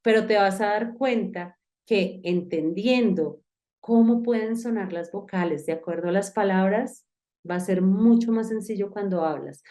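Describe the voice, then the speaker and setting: Addressing just one student, a woman teaching English works through pronunciation on an online whiteboard, carefully laying out each step with patience. Her voice is medium in pitch and dark in tone.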